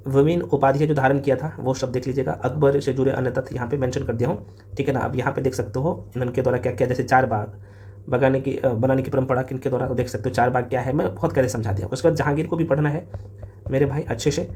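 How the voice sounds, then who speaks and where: A man's voice: mid-range voice, fairly even intonation, quick pace, dark tone. A man giving a casual exam revision lecture, chatty and full of fillers, calling his students brother. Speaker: exam coaching teacher.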